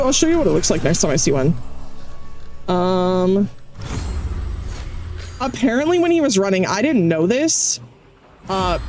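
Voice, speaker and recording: A streamer chatting casually while gaming, talkative and incredulous, often laughing. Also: mid-range voice. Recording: steady background noise.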